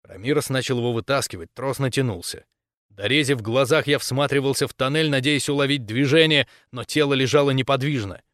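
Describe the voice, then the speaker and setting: A man narrating a first-person science fiction story in a steady storytelling manner. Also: mid-range voice, a little fast, no room sound, clean studio sound. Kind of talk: audiobook narration.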